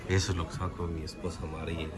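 A vlogger with a Mexican Spanish accent chats casually from a restaurant booth, showing off his food and sending out long lists of greetings and blessings. His voice is low and fairly flat, and he talks very fast. Loud music plays in the background of this casual food vlog.

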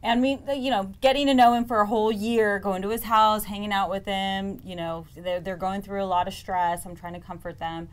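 A woman's voice: mid-range voice, fairly even intonation, a little fast, hardly any pauses. A woman, a real estate agent, telling an earnest story on a studio panel show.

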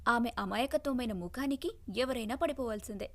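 A woman storyteller giving scripted, expressive narration of a family story. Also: on the high side, fairly quick.

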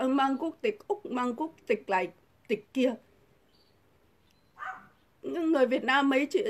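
A woman's voice: high voice, a little hiss or hum. A middle-aged woman, delivering a combative, insulting vlog rant full of rhetorical questions. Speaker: vlogger. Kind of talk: angry political rant to camera.

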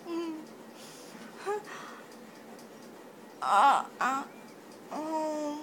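A woman's voice: sits high, animated, drawn-out words, a bit bright. A woman talking while eating ice cream, her lip numb and sore after stitches, mumbling and laughing through the pain in casual chat. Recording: hissy home video.

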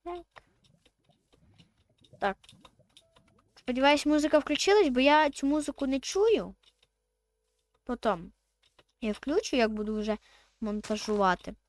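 A woman's voice: high voice, lively intonation, unhurried, long pauses. A woman, chatting casually as she plays a video game and counts aloud while building. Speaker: gaming video host.

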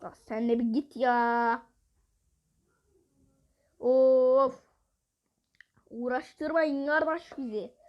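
A woman giving live gameplay commentary, excitable, bursting into exasperated outbursts and taunting opponents while talking to her viewers. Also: on the high side, unhurried, few pauses, muffled recording. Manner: addresses viewers directly. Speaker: mobile game player.

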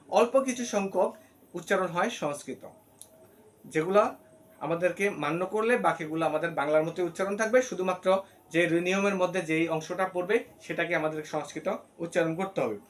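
A man teaching Sanskrit pronunciation in a recorded class, explaining patiently step by step and often checking that the listeners follow. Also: sits high. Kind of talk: recorded online class lesson.

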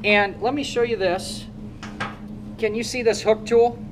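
Background noise surrounds a high-pitched male voice with fairly even intonation and a measured pace. He's a Midwestern American in his thirties giving a hands-on shop demonstration of motorcycle repair, coaching students and quizzing them along the way.

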